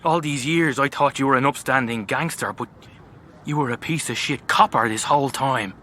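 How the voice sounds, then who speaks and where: A man's voice: mid-range voice, normal speed, bright, forceful tone, a little hiss or hum, lightly acted. An actor playing a wry, goading male gangster boss with a menacing edge in an audio comedy.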